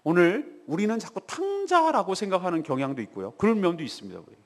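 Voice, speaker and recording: A male pastor preaches a morning devotional sermon in a fairly high, animated voice. He presses his points with rhetorical questions to the congregation. His voice carries a long reverb from the church hall. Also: fast talker. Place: church sanctuary.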